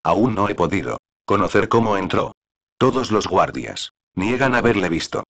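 A man reading the part of a loyal castle warden in a play, in a steady voice. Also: fairly low pitch, moderate pace, creaky, full character voice. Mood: dutiful.

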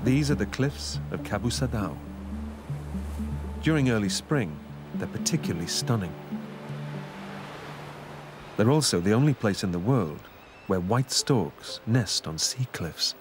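Male nature documentary narrator, lowish voice, measured and informative, over a music bed. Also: lively intonation.

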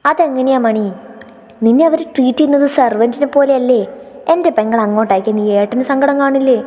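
A woman's voice: high-pitched, fairly quick, mellow, close to an everyday voice. A woman voicing a teasing, stubborn young man who bosses his little sister around, in a mock-stern storybook way. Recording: long reverb.

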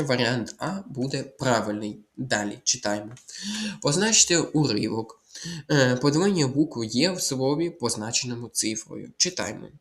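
A male tutor at a mid-range pitch walks through exam questions at an unhurried pace. He repeats each word and sounds out letters one by one. He keeps telling the listener which rules to memorize. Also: fairly bright tone. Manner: slow, deliberate, repeats words and spells out letters. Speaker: Ukrainian language tutor. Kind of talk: exam walkthrough lesson.

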